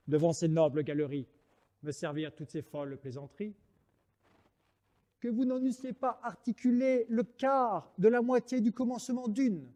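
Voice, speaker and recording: A man's voice: high voice, mellow. An actor playing a proud, mocking swordsman poet in a French verse monologue, declaiming like a hammy stage actor. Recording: reverberant hall sound.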